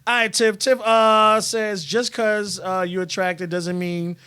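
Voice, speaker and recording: A man's voice: high voice, slow pace, smooth. A man hosting a live stream, reading viewer comments and talking bluntly with lots of swearing. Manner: blunt and profane, animated.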